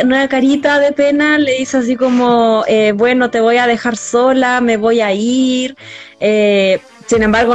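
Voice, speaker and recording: A young woman with a Chilean accent chatting casually, explaining a plot with frequent hesitations. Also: on the high side. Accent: Chilean Spanish. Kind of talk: casual chat recapping a story. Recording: faint music behind.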